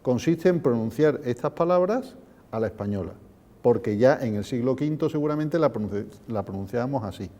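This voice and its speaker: Man lecturing on Latin, dark voice. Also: mid-range voice, expressive, a little fast. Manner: digressive, explanatory, spells out sounds. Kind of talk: conference lecture. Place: association meeting room.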